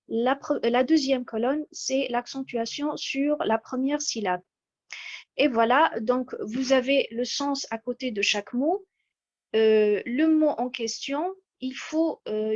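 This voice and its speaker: A woman giving a measured, explanatory lecture from slides, pausing often with hesitations. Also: a little high, darkish tone, lo-fi sound. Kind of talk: slide-based lecture on word stress.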